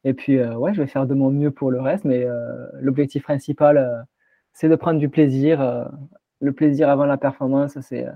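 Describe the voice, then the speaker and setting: A man's voice: medium pitch, steady tone, normal speed, no room sound. A man speaking as a podcast guest over a remote line that sounds thin and phone-like, with a dry, close sound. He talks hesitantly and pads his sentences with frequent fillers. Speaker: guest runner. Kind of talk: casual interview chat.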